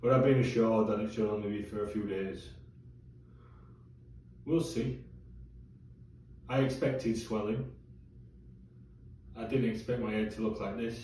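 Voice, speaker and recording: A man's voice: on the low side, steady tone, measured pace, long pauses, a little mellow, slight background noise. A man talking casually in a candid video diary, swearing now and then as he chats. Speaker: vlogger. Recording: very echoey room, distant mic.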